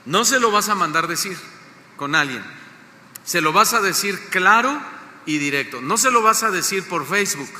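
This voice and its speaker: Bright-voiced Mexican pastor in echoey hall. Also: male voice, sits high, lively intonation. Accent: Mexican Spanish. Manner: slow deliberate emphasis, questions to the congregation. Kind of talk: sermon. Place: church hall. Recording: echoey hall, faint noise.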